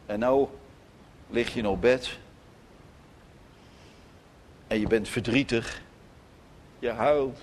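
In a church, a male pastor with a medium-pitched voice gives a slow, emphatic sermon. He swings between loud declarations and soft asides.

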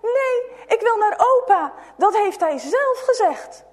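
A small, clingy boy , put on by a woman reading aloud, pleads in a high, tearful voice. He whimpers through slow, drawn-out words, scared and close to crying. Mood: frightened.

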